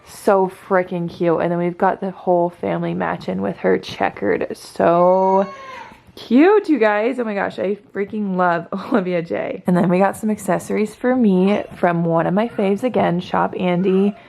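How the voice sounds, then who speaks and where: A woman's voice: lowish voice, fairly even intonation, moderate pace, gravelly, few pauses, a little mellow. A woman vlogging casually from home as a stay-at-home mom, gushing and full of "like" fillers. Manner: gushing, filler-heavy talk. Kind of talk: casual vlog chat.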